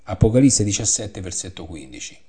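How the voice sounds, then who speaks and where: Low-voiced man teaching scripture. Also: sing-song, warm tone, husky. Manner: measured, explanatory, repeats verse references. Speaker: Bible teacher. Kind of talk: Bible study teaching with scripture reading.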